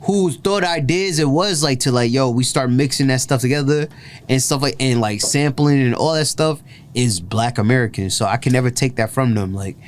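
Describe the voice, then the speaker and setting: At a moderate pace, a man with a mid-range voice hosts a casual reaction chat, rambling, restarting often and packing his speech with "like" and "yo." A little hiss or hum sits on the recording.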